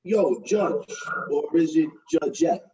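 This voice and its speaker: An actor playing a brash, crude, middle-aged mobster-type fiancé who swaggers and wisecracks in a comedy courtroom sketch. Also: male voice, on the high side, animated, slow pace, mellow, far from the mic, muffled recording. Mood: swaggering. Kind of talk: comedic courtroom parody acting.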